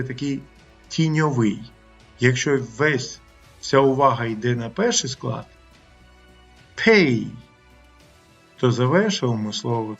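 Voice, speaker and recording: Husky man teaching pronunciation. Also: mid-range voice, lo-fi sound. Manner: demonstrative, repeats sounds aloud. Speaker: English teacher. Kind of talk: pronunciation lesson.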